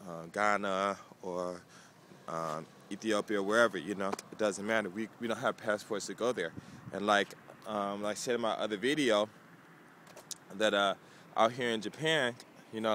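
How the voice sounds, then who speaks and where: A man talks casually to the camera in a fairly low voice, rambling and filling gaps with "you know" and "um." He is recorded outdoors on a city street, with faint traffic and ambient noise behind him. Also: steady tone, moderate pace, fairly bright tone. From United States. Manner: conversational, rambling with many fillers. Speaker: vlogger.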